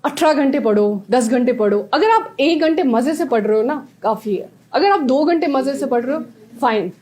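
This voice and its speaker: High-voiced young woman giving exam advice. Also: moderate pace. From Jammu and Kashmir. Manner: animated, switches between Hindi and English mid-sentence. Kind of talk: motivational talk to students.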